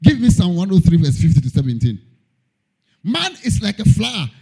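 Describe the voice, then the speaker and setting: A man's voice: sits high, huge pitch swings, a little fast, a little mellow, slightly rough. A man preaching a sermon in church, emphatic, repeating key lines and singing out phrases. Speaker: pastor.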